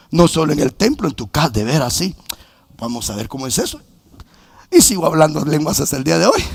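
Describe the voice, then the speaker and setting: A middle-aged man from preaching a sermon as a pastor, telling his own story with quoted dialogue and bursts of shouting. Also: fairly high pitch, gravelly, dry recording. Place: church sanctuary.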